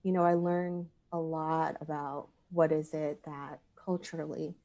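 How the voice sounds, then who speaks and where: Low mellow-voiced woman in her thirties. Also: level tone, highs cut off. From Thailand. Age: 30s. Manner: earnest, measured, many "um" pauses. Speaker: guest. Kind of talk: podcast interview.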